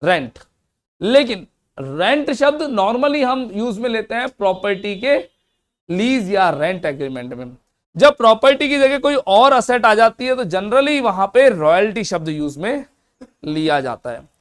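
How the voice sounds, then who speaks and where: A man teaching accounts in a fast classroom lecture, asking and answering his own questions. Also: high voice, sing-song.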